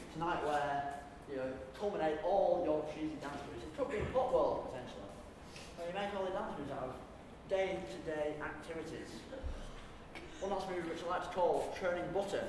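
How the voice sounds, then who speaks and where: A young man telling a stand-up comedy story to a live audience, animated and talking straight to them. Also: fairly high pitch, normal speed, long pauses. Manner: animated, addresses audience as "you". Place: theatre stage with live audience. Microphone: far from the mic. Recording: echoey theatre hall, distant mic, audience noise. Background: audience laughter.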